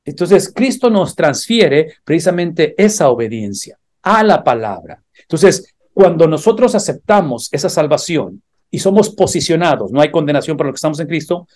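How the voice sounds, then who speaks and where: A man's voice: a little high, big pitch swings, moderate pace, a little mellow. A man teaching a church Bible class, earnest and explanatory, building emphasis through repeated phrases. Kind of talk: theological teaching.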